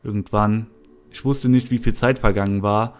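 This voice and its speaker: A man narrating a horror story in the first person, in a somber, low-key manner. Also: fairly even intonation, normal speed. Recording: soft music behind.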